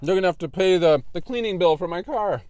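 A man chatting casually while reviewing fast food in his car, animated and laughing often. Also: sits high, crowd noise. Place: in a parked car.

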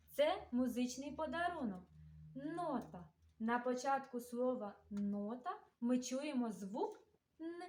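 A woman teaching a young children's literacy lesson, sounding out words slowly and clearly with a Ukrainian accent. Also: high voice, a little mellow, echoey room. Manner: slow, carefully enunciated, sounding out words. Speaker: preschool teacher.

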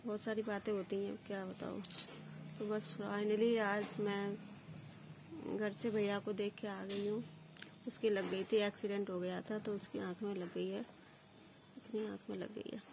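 A woman's voice: medium pitch, flat delivery, unhurried, creaky, noisy background. Woman chatting in a home vlog. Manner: chatty, talks to viewers and her child. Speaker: vlogger. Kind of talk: casual home vlog talk.

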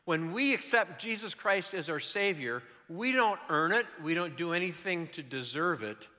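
Older man, pastor, sermon, bright ringing voice, fairly high pitch, long hall reverb. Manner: animated storytelling with joking asides. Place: church sanctuary.

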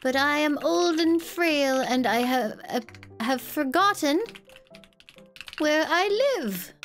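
Woman acting a slow, frail old lady. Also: high-pitched, lively intonation, a bit bright, soft background music, heavily acted. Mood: frail, apologetic. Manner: slow, halting, drawn-out delivery. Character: frail, confused, pleading old woman, secretly a vampire. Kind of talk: in-character role-play in a video game.

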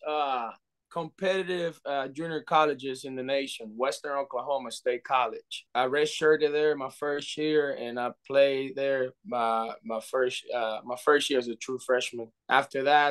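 A young man speaking English with a Dominican Spanish accent, a baseball coach answering an interviewer over a webcam. He talks earnestly at a middle pitch, often restarting phrases and filling with "you know". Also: fairly even intonation, a little slow, fairly bright tone, smooth. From Dominican Republic. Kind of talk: video call interview. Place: indoor room. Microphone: webcam on video call.

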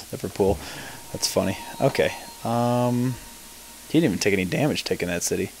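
A man's voice: fairly low pitch, normal speed, vocal fry, slight background noise, poor audio. A man giving casual gameplay commentary, thinking aloud, mumbling and swearing now and then. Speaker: let's play gamer.

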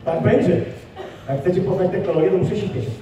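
An energetic male speaker leads a live seminar, pushing the audience with rapid questions. His voice is fairly high but mellow. He is picked up from far off, in a big hall that echoes heavily, with faint noise behind him. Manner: energetic, rallying the crowd with quick questions. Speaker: motivational speaker.

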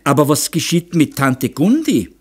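A gentle young noblewoman, voiced by a male audiobook reader, asks soft, anxious questions. The reader lifts his pitch for her and keeps his tone light and lively. It is an audiobook character voice. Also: normal speed, breathy edge. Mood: worried. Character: young gentle noble lady, tearful and worried.

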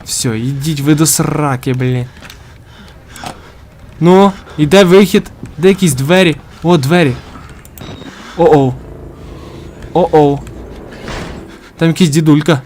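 A man narrating his horror game run, cursing nonstop and yelping at every scare. His voice sits a little high, with a faint noise floor underneath. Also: slow, long pauses, a little mellow. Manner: jumpy, swears constantly, yelps when scared. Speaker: gamer playing a horror game. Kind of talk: let's play commentary.

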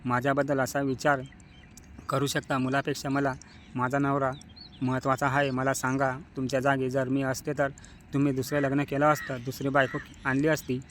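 A man's voice: medium pitch, monotone, moderate pace, a little hiss or hum, natural voice. A devoted wife, voiced by a male narrator. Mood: upset. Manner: pleading, insistent questions. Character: devoted, spirited young wife.

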